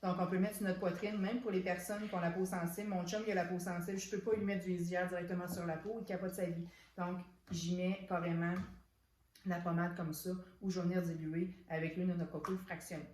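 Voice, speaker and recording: A woman's voice: on the low side, flat delivery, fast, a little mellow. A woman with a Québécois accent chatting casually as she presents products, with lots of fillers and restarts. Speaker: soap shop owner presenting products. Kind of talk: casual product unboxing chat. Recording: echoey room.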